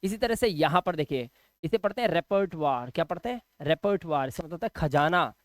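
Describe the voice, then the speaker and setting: A man teaching English pronunciation in a classroom style. He asks questions, answers them himself and repeats each example word slowly. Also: fairly high pitch, lively intonation, no echo. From India.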